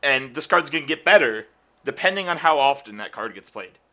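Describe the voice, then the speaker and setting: Young guy with a really bright edgy voice, joking around reviewing cards, keeps restarting sentences. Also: medium pitch, animated. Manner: joking, quick banter with stammered restarts. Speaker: co-host of card review. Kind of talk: casual chat.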